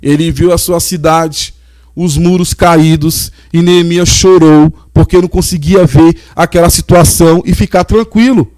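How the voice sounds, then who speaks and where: A male pastor delivers a sermon in a fairly high voice that builds emphasis as he preaches. He reads scripture slowly and deliberately. The sound is dry and close, with no room around it. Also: fairly even intonation, a little mellow, dry recording.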